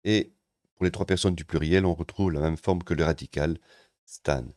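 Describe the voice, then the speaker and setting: Male teacher, deep low voice, patient step-by-step grammar explainer, dry close sound. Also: a little fast, no echo. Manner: calm, methodical, with occasional hesitations. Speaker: language teacher.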